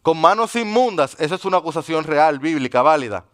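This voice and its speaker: A man's voice: on the high side, expressive, a little fast. A male pastor preaching a sermon, teaching with frequent questions to the congregation in a church.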